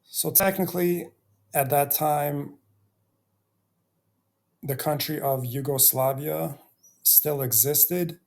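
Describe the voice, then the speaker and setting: Slow, reflective man in his thirties. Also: fairly high pitch, steady tone, vocal fry, darkish tone. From Bosnia and Herzegovina. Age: 30s. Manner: slow and reflective, with many pauses and fillers. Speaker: YouTuber. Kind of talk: personal storytelling vlog.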